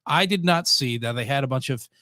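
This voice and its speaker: A man's voice: mid-range voice, sharp tone, no room sound. Easygoing man on a dry podcast mic. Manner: easygoing, halting with fillers and restarts. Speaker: podcast co-host. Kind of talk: casual chat.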